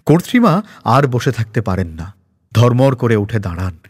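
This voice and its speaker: A man narrating a cartoon story in a lively, expressive reading style. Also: medium pitch, moderate pace, breathy edge. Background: background music.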